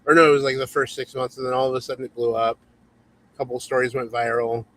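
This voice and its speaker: A man's voice: mid-range voice, level tone, fast, fairly bright tone, low-quality recording. A man in his forties hosting a casual livestream chat over a video call, chatty and reading viewer comments aloud. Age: 40s. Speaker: host.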